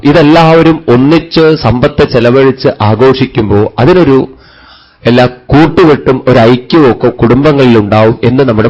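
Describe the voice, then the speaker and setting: A man's voice: medium pitch, darkish tone. Storytelling male swami, rhetorical questions. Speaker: swami giving a scripture discourse. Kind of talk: devotional discourse. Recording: dull lo-fi recording.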